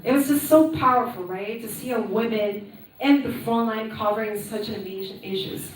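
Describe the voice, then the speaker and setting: A Peruvian woman in her thirties shares her personal story as a conference speaker, chatty and upbeat, often adding "right?". Her pitch is fairly high and her pace moderate. The conference hall echoes, and the mic is at a distance.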